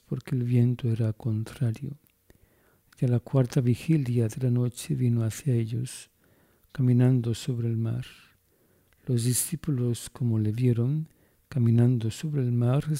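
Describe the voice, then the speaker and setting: A man's voice: medium pitch, warm tone, dry recording. A man, a priest, solemnly reciting Latin Mass prayers and reading the Gospel aloud in Spanish. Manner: slow, solemn intoning.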